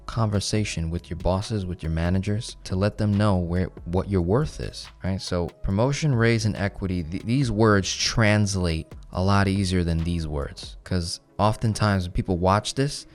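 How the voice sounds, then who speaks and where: A young man leads a live online finance class. He talks with energy and keeps tossing rhetorical questions at his listeners. His voice sits a bit on the low side. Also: normal speed, few pauses, faint music behind. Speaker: finance coach.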